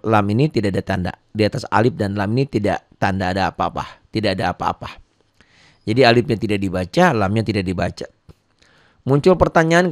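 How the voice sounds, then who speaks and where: A man's voice: on the low side, no room sound, clean studio sound. A man teaching Quran recitation rules to beginners, explaining patiently and repeating each point step by step. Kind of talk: tajwid lesson with recited examples.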